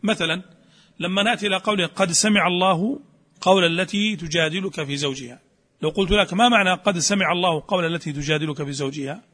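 A man teaching a scholarly lecture at a quick clip. His voice sits high and sounds bright and crisp. He keeps putting questions to his listeners and answering them himself. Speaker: teacher of Quranic studies.

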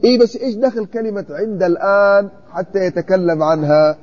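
A man teaching grammar in a classroom, questioning students and repeating word forms slowly. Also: high-pitched, lo-fi sound. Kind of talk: classroom text study.

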